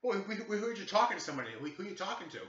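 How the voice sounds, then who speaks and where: Pushy male cop, shrill and incredulous, put on by a man, bright edge, roomy distant sound. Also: big pitch swings, very fast. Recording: echoey, distant, dull-sounding room mic.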